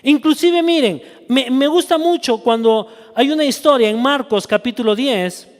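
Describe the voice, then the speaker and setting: A man's voice: extremely high pitch, normal speed. A man preaching a sermon with passion, acting out quoted voices and restarting often. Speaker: pastor. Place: church. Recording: long reverb of a church hall.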